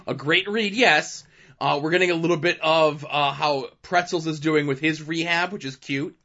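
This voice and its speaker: A man's voice: on the high side, moderate pace, bright, forceful tone, lo-fi sound. A man co-hosting a comic book podcast, chatting casually and enthusiastically with a lot of fillers. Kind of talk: casual chat reviewing comics.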